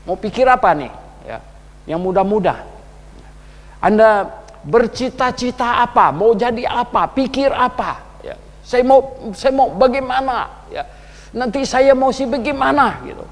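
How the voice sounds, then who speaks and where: Animated older man preaching in a hall. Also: very high voice, unhurried. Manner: conversational, animated preaching with colloquial asides and chuckles. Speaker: pastor. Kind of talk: sermon. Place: church prayer meeting hall.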